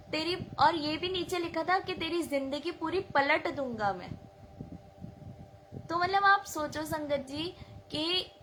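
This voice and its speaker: A woman in her thirties telling an informal devotional testimony, animated and acting out her own past words. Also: sits high, a little hiss or hum.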